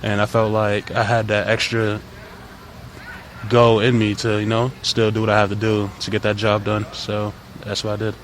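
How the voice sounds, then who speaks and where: A young man in his twenties, a college football player answering media questions in a halting, soft-spoken way with many fillers. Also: lowish voice, completely flat delivery, slight background noise. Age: 20s. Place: press availability.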